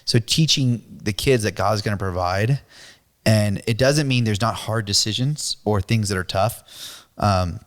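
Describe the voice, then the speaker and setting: A middle-aged man co-hosting a casual faith-based podcast chat, halting and repeating his words as he talks about giving and trust. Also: fairly low pitch. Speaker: podcast co-host.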